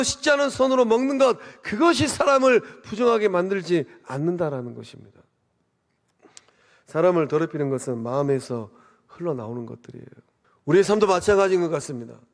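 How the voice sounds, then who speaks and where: A man delivers a sermon from the pulpit, his voice pitched high for a man. He presses his points with questions to the congregation and surges in force on key phrases. The church hall lets every phrase ring on after he stops. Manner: preaching with rhetorical questions and swelling emphasis. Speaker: pastor. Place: church sanctuary. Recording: long reverb of a church hall.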